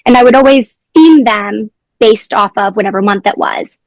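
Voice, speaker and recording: A woman's voice: medium pitch, moderate pace, dry recording. A young adult woman, a former teacher, telling stories from her classroom in a casual interview.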